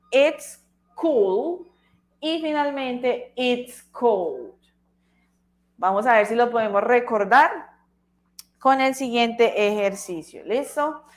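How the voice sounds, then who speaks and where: A woman teaching an English class online, her voice sitting a little high for a woman. She speaks slowly and deliberately, repeating each word so her students can catch the pronunciation. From Colombia. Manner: slow, careful, repeats words for pronunciation. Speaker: English tutor.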